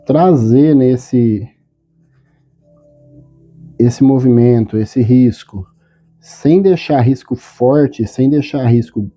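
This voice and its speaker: A man teaching a step-by-step drawing tutorial, calm and patient, often checking in with short questions. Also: medium pitch.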